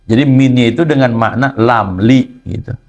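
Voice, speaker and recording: A man's voice: mid-range voice, moderate pace, lo-fi sound. A man teaching a religious text lesson, explaining playfully with rhetorical questions. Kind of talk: kitab study lesson.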